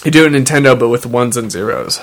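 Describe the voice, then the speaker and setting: Male podcast co-host, average pitch, informal and conversational. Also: quick pace. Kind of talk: casual banter.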